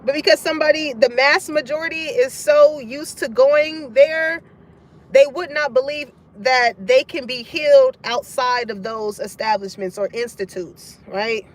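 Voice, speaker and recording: Woman, high voice, tarot reader, casual and profane, chatty, laughs a lot. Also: unhurried. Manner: frank, profane and chatty, laughing often between points. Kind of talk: casual spoken tarot reading to a collective audience.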